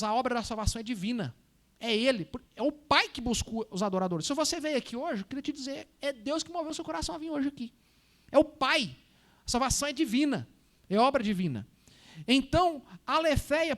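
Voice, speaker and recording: A man's voice: very high voice, fairly bright tone. Chatty missionary man with a Minas accent. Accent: Minas Gerais Brazilian Portuguese. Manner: conversational, addresses listeners as brothers and sisters. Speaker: missionary presenting to a church. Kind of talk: Sunday school talk with slides.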